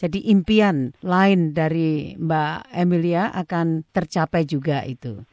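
A woman conducts a conversational radio interview in a slightly low voice. The sound is dry and a little dull. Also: slow, darkish tone, no echo.

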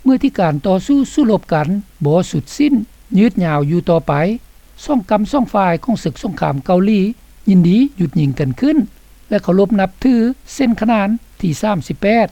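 A woman's voice: mid-range voice, sing-song, moderate pace, gravelly, dark tone, no room sound. A woman reading scripted documentary narration for a radio report. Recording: dull, slightly lo-fi, dry studio sound.

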